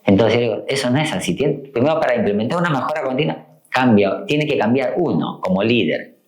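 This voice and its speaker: A man's voice: medium pitch, animated, fairly quick, echoey room. A man, a guest on a casual podcast, telling stories from his work and acting out the voices of people in them. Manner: storytelling, acts out quoted dialogue. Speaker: guest, continuous improvement engineer.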